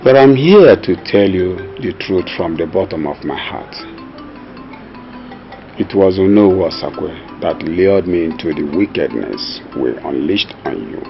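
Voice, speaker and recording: A man's voice: deep voice, lively intonation, unhurried, creaky, exaggerated voice. A man playing a repentant older man who apologizes earnestly, speaking in proverbs. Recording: dull lo-fi film audio with music.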